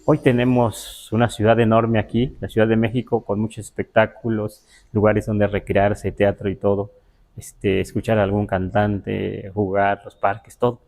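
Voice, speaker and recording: A man from the Huasteca region of Mexico teaching a live online Nahuatl class, explaining words slowly with many fillers and check-in questions. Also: lowish voice, level tone, vocal fry, darkish tone. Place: Mexico City.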